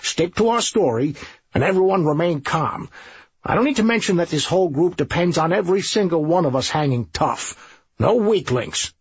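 A man's voice: fairly high pitch, expressive, slightly rough, no echo, dull audio, voice pushed up, full character voice. A man voicing a scheming, bossy middle-aged police sergeant who waves off every worry. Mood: commanding. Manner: brisk, bossy, dismissive.

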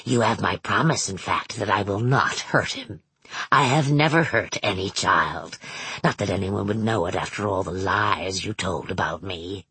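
A woman's voice: a bass voice, fairly bright tone, no room sound, voice pushed down, heavily acted. A woman doing a sinister sunny showman. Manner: smooth carnival barker's voice, falsely polite. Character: sinister older man, sunny showman charm, menacing.

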